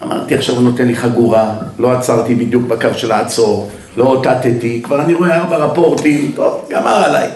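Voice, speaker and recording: A man, a rabbi, giving a Torah lecture as a lively story and acting out each person's lines as he goes. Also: mid-range voice, reverberant, slight background noise. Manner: animated storyteller who acts out the dialogue. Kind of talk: storytelling sermon.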